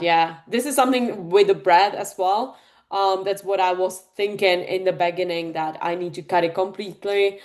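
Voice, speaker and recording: A woman's voice: on the low side, a little mellow. A woman from the Republic, a fitness and nutrition coach giving a live online masterclass in a chatty, direct way, full of fillers, over a video call. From Czech Republic. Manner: chatty, addresses the audience directly with many fillers.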